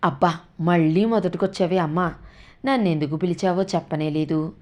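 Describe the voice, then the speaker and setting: A woman's voice: fairly high pitch, animated, normal speed, darkish tone, muffled recording, voice pushed up, close to an everyday voice. Woman voicing an exasperated middle-aged son. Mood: irritated. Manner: irritated, impatient. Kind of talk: storytelling with character voices.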